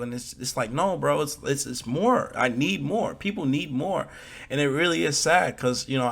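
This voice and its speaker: A man's voice: mid-range voice, bright, forceful tone. A young man talking earnestly and casually in a personal vlog, often restarting phrases and growing heated. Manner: earnest, rising to heated emphasis; casual slang, frequent restarts. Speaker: vlogger.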